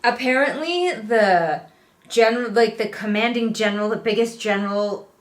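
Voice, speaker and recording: Speaking at a normal speed in a fairly high voice, a middle-aged woman who hosts book reviews gives casual read-along commentary. She sounds exasperated and sarcastically acts out the quotes she reads.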